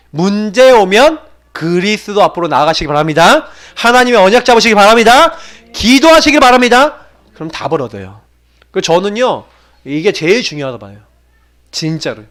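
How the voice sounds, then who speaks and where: A man's voice: high-pitched, moderate pace. A man preaching a sermon as pastor, telling the story with emphasis and asking the congregation rhetorical questions. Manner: animated storytelling delivery.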